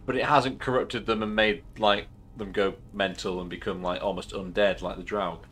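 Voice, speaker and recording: A man's voice: fairly low pitch, fairly even intonation, moderate pace, a bit bright. A man casually commenting while playing a game, chatty and swearing as he thinks aloud. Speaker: streamer.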